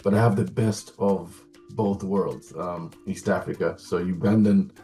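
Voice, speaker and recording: A man from Kenya with a Kenyan accent, answering interview questions thoughtfully, often pausing with ums and restarting his sentences. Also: deep voice, steady tone, dark tone, soft background music. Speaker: guest. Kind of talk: conversational interview.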